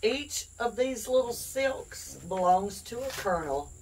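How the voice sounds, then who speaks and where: A woman's voice: fairly high pitch, lively intonation, a little slow, darkish tone, slight background noise, rough recording. A woman hosting a homestead cooking video, chatty and playful, joking and laughing as she explains the steps. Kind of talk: casual kitchen demonstration. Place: home kitchen.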